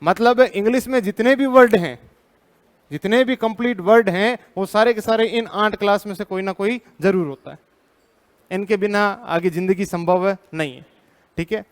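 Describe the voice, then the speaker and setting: Indian man, teacher, live lecture, repeats questions, firm, teasing, high voice. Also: moderate pace. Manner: drills the class with repeated questions.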